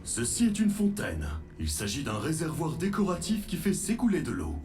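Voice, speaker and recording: A man voicing a protective, polite animatronic robot in a video game, speaking in formal, earnest, measured explanations. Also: on the high side, huge pitch swings, darkish tone, distant mic, soft background music. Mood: matter-of-fact.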